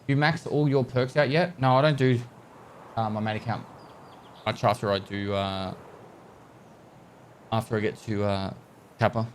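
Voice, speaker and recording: A man's voice: on the low side, fairly even intonation, measured pace, long pauses, slight background noise. An Australian man streaming a game over a headset mic, chatting casually and trailing off with hesitations as he thanks viewers. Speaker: gaming streamer. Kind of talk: casual livestream chat while gaming. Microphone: livestream headset mic.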